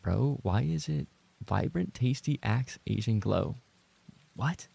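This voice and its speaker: A very gravelly, creaky-voiced man hosts a casual livestream, reading and reacting to viewer messages; he also does roleplay voice acting. His medium-pitched, dark-toned voice is slow with lively intonation. He plays at mock indignation, swears, and repeats phrases when flustered.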